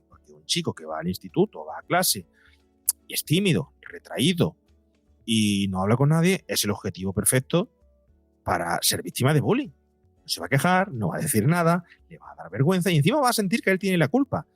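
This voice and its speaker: A man with a husky, medium-pitched voice speaks as an interview guest, with no echo on the recording. He is a psychologist and podcaster who explains things in a didactic yet conversational way, posing rhetorical questions.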